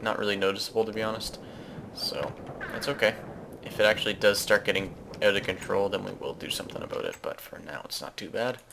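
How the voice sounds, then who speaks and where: Gravelly low-voiced man narrating gameplay. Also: fast, noisy background. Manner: rambling, self-correcting, chatty asides. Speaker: Let's Play host. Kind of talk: casual gameplay commentary.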